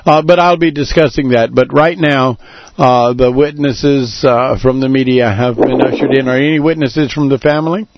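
A man hosting a live radio talk show from the studio, explaining things deliberately with many pauses and fillers. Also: mid-range voice, fairly even intonation. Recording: dull lo-fi radio broadcast.

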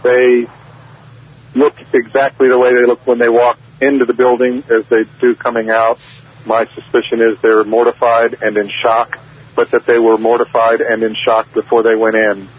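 Impassioned male academic guest, mid-pitched and husky, muffled broadcast sound. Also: monotone, normal speed. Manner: earnest, impassioned, repeats words. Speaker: professor, phone guest. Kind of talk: earnest commentary on a radio show.

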